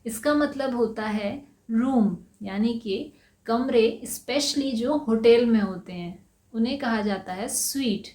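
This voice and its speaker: A woman with a somewhat high voice runs a pronunciation lesson. She asks her own questions and answers them, saying each word slowly and more than once. The room sounds echoey. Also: darkish tone. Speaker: English pronunciation teacher. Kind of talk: Hindi-language pronunciation lesson.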